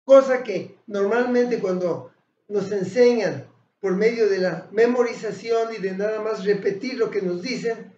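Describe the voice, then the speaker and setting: Slow, high-voiced male teacher. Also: dark tone. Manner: slow, deliberate, with pauses and self-corrections. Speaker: English teacher. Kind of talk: explanatory lesson. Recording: echoey, dull lo-fi room sound.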